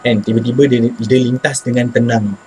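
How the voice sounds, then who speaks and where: A man with a Malaysian Malay accent casually telling his own ghost story, animated and slangy, bursting into his own panicked shouts. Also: mid-range voice, normal speed, faint music behind, low-quality recording. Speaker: channel host telling a personal ghost story.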